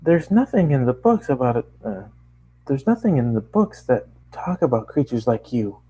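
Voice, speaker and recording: A man's voice: medium pitch, sing-song, normal speed, dark tone, slightly rough, voice pushed up, rough recording. A man voicing a studious, earnest female pony who leans on her books.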